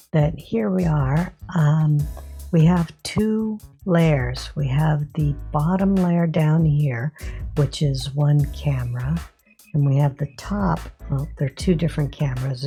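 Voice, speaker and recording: A woman talking through a voice modulator, giving a casual, rambling product review full of fillers and pauses. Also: low-pitched, mellow. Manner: rambling, filler-heavy, halting.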